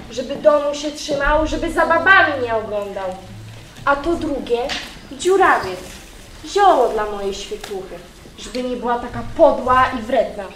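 A woman plays a sharp-tongued village aunt in an amateur folk stage play, scolding and nagging in folksy rural speech. The voice sits high. It carries through a roomy hall over faint ambience. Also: slight background noise. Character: bossy, gossipy village aunt gathering herbs. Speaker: stage actor in a school theatre group.

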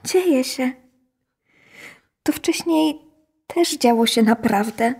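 A high-voiced young daughter in a radio drama, played by a woman, frightened and bitter. She speaks slowly, in a halting, shaky way, as if each word costs her. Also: gravelly, darkish tone, breathy edge, full character voice.

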